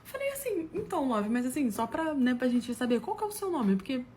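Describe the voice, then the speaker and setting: Brazilian woman rattling off a funny story super fast, kinda high voice, a bit of hiss behind. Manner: animated, laughs at her own story, acts out quotes. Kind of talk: casual comic storytelling.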